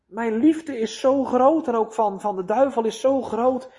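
A man voicing a smooth-talking male devil who tempts with soft, soothing words in a sermon. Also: very high-pitched, a little slow, pitched above the performer's own voice, heavily acted. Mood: reassuring. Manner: coaxing, hushed and soothing.

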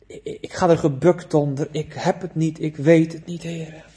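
A man preaching a sermon, emphatic, with big swings in loudness and pitch and rhetorical questions. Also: steady tone, normal speed.

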